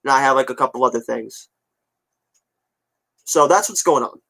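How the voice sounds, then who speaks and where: A twenty-year-old video creator updates his viewers and answers comments in a casual, rambling way, repeating himself offhandedly. His voice is medium-pitched, pushed and bright, with vocal fry, at a moderate pace.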